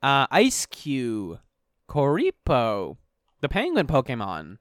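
A man in casual podcast chat, reading entries aloud and cracking jokes. His voice is smooth and resonant at a middling pitch. The sound is dry and close to the mic. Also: huge pitch swings, takes it slowly, no room sound. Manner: reads entries aloud, jokey and laughing. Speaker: podcast co-host.

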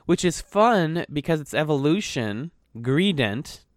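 Chatty man with a smooth voice. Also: a little high, very animated, slow pace, no room sound, clean studio sound. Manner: chatty, playful, trails off with fillers. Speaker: podcast co-host. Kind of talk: casual podcast chat.

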